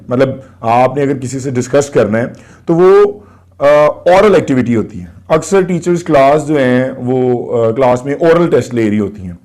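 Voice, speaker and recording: A man with a Pakistani accent teaching a class nine English lesson, reading English slowly and explaining quickly in Urdu. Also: mid-range voice, darkish tone. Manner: addresses students directly, asks and answers his own questions.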